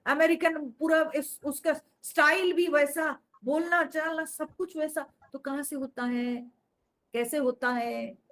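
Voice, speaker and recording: A woman's voice: sits high, a bit bright. A woman teaching in a spiritual discourse, explaining patiently, asking rhetorical questions and dropping in English phrases.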